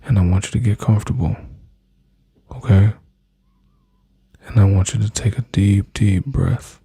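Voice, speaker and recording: In a boyfriend-style ASMR roleplay, a man speaks softly and slowly in a low, breathy voice, often slipping into whispers close to the mic. His soothing, intimate address to the listener is recorded with no room sound.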